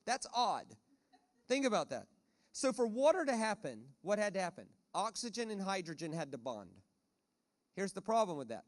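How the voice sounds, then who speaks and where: Man, preacher, high voice, animated sermon, church auditorium, stage mic. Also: moderate pace. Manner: animated, acts out voices of panicked people and God. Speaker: guest preacher. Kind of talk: conference sermon.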